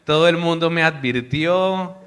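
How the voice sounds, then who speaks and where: A man's voice: fairly high pitch, unhurried, clear, resonant tone. A young man from Colombia, a missionary preaching an earnest sermon to a congregation. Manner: earnest, warm preaching with hushed prayer.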